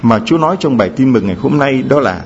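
Speaking quickly, a middle-aged man preaches a lively sermon built on stories and direct questions to the congregation. His pitch falls in a man's middle range. A faint room hum sits behind the dull, lo-fi recording.

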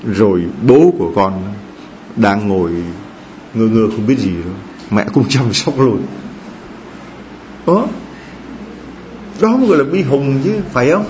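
Animated male priest preaching a sermon. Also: medium pitch, a little slow, long pauses, highs cut off, a little hiss or hum. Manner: animated preaching with rhetorical questions and acted-out quotes.

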